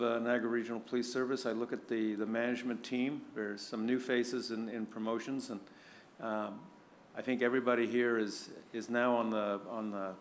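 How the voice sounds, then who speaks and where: A man who is vice chair of a police board, giving a tribute at a meeting, halting and searching for words with many fillers. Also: mid-range voice, a little hiss or hum.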